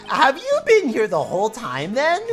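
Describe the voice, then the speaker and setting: A woman's voice: on the high side, huge pitch swings, normal speed. A woman giving casual game commentary and reading dialogue aloud with dramatic delivery. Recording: music behind the voice. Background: game music.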